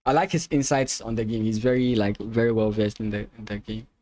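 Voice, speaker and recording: Speaking fairly quickly in a lowish, slightly mellow voice, a Ghanaian man, a native Ga speaker, talks through chess lines on a live stream. His thinking-aloud commentary has hesitant restarts and comes with easy laughter.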